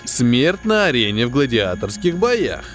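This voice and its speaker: A man reading an audiobook, voicing a plump, smug male space-station quartermaster who talks in a condescending, falsely sympathetic, drawn-out way. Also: mid-range voice, very animated, faint music behind. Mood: condescending, lecturing. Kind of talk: audiobook character voice.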